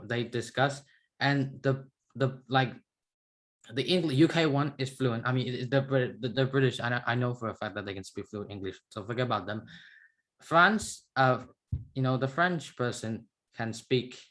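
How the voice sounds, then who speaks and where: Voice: medium pitch, moderate pace, a bit bright. Rambling student. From Myanmar. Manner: rambling, many restarts and "like". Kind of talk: online class discussion.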